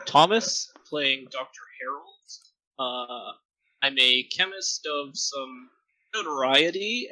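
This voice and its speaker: A man's voice: medium pitch, sharp tone, low-quality recording. A man introducing his chemist character in a tabletop game, hesitant and full of fillers. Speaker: player voicing a chemist.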